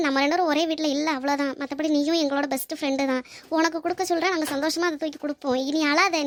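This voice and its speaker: A woman's voice: high voice, lightly acted. A woman voicing a caring young woman friend in a cartoon, firm and consoling. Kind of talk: animated cartoon voice acting.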